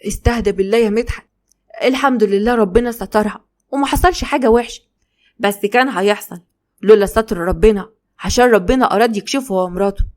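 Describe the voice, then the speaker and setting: A woman's voice: mid-range voice, fast talker, close to an everyday voice. A woman with an Egyptian Arabic accent voicing an anxious middle-aged mother who pleads and soothes. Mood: pleading.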